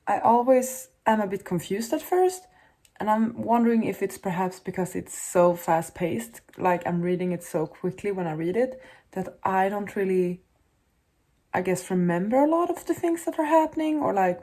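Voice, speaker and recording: A woman's voice: medium pitch, darkish tone. A woman talking casually as a reading vlogger, in a rambling, self-questioning way full of hedges. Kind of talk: casual vlog chat.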